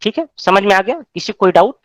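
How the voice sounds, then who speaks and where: जीवंत उतार-चढ़ाव वाली आवाज़ में पढ़ाता पुरुष शिक्षक. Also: male voice, high-pitched, expressive, brisk, fairly bright tone, no room sound. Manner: explains patiently, checks with students often. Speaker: Sanskrit teacher. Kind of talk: online class lecture.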